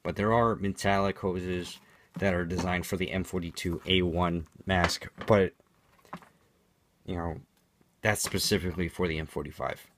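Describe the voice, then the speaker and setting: A man's voice: low-pitched, fairly even intonation, moderate pace, a bit bright, a little hiss or hum. A man giving an unscripted product demonstration in a matter-of-fact, explanatory way, as a reviewer.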